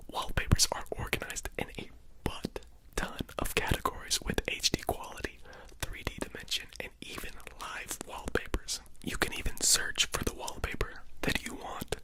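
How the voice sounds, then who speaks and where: An ASMR creator reading sponsor messages in a breathy, unvoiced whisper, deliberate with playful touches. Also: rough recording.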